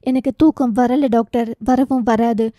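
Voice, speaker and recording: A woman's voice: fairly high pitch, steady tone, a little slow, warm tone, no room sound, studio quality, close to an everyday voice. A woman voicing a proud, injured young man who answers curtly and defiantly.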